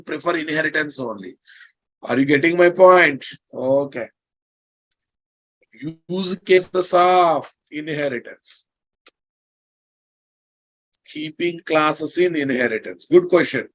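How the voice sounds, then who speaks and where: Slightly high and fairly bright, his voice unfolds slowly with long pauses. He's a programming instructor with an Indian accent delivering an online lecture, blunt in his teasing, prone to repeating phrases, and checking comprehension through questions.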